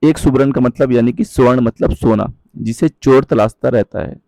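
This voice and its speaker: In an online exam-prep lesson, a man patiently teaches Hindi grammar, often checking in with viewers and slowly reciting lines of verse. His voice is mid-range and mellow, and the recording is dry.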